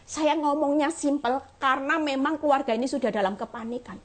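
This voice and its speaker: A middle-aged woman evangelist giving an earnest, encouraging sermon and testimony, often calling listeners "saudara" and fading soft at the ends of phrases. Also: high voice, steady tone, a little fast. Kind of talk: sermon shared on a livestream.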